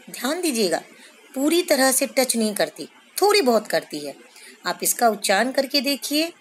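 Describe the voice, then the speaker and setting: In a recorded classroom lesson, a woman school teacher slowly explains things to children, stretching out sounds, examples, and syllables. Her voice is high-pitched, and there's a little hiss or hum.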